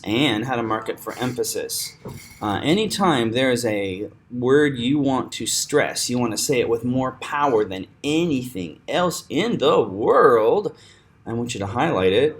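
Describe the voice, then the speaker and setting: Animated man teaching a screen tutorial. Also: mid-range voice, slight background noise. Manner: animated, chatty, laughs often. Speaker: acting teacher.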